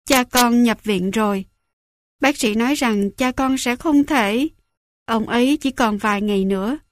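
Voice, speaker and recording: A woman's voice: on the high side, a little slow, no echo, clean studio sound, close to an everyday voice. A woman reading the lines of a distraught mother who pleads tearfully and urgently with her son. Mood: sobbing.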